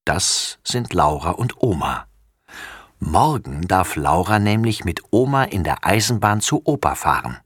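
A man reads a children's storybook aloud with a deep, low voice that swings up and down with plenty of life. The sound is close and dry, with no room around it. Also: measured pace, slightly rough, dry recording. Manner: expressive, lively. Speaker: narrator.

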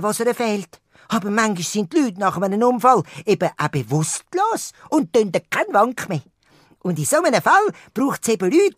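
Children's audio play lead: excitable, playful male parrot, Swiss German accent, very animated, dry studio sound. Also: sits high, no echo, exaggerated voice. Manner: playful, exclamatory, theatrical. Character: cheerful, excitable male cartoon parrot hero Globi. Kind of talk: children's audio drama with storytelling.

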